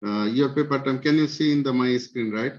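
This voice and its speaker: A man's voice: medium pitch, slight background noise. Man chairing an online conference session. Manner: halting, loose informal phrasing. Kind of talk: casual organizing talk. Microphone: computer mic on a video call. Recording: dull lo-fi online call audio.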